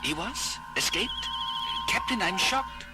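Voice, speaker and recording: A man's voice: sits high, expressive, slow, background noise. A man playing a haughty, slippery alien ambassador in a science fiction audio drama, pompous and falsely courteous. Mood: indignant. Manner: pompous, theatrical. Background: loud dramatic music.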